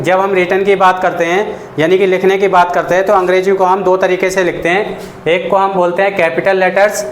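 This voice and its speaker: A man teaching a basic English lesson to students. He talks patiently, repeats his points and asks the class questions. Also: high-pitched. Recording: echoey room with faint noise.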